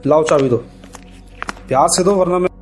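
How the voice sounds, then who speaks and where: A man voicing a hurried, irritable young office worker who talks in quick, agitated bursts. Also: fairly high pitch, animated, soft background music, voice pushed up, close to an everyday voice. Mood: irritated.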